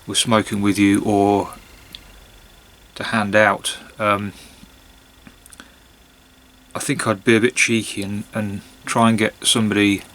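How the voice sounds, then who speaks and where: A man chatting casually on his own in a hesitant, musing way, with long pauses and trailing phrases. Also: on the low side, little pitch movement, fairly bright tone. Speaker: pipe-smoking vlogger. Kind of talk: casual monologue to camera.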